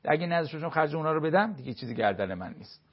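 A man's voice: on the high side, sing-song, slightly rough. A man giving marriage advice as a religious expert on a TV program, lecturing emphatically and asking many rhetorical questions. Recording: dull lo-fi broadcast sound.

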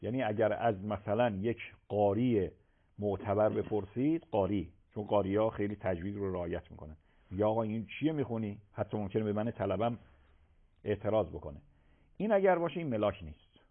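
Emphatic cleric on tinny broadcast. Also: male voice, fairly low pitch. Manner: emphatic, swings from loud to soft. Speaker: religious scholar answering callers. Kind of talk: live call-in religious Q&A. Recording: tinny phone-like broadcast audio.

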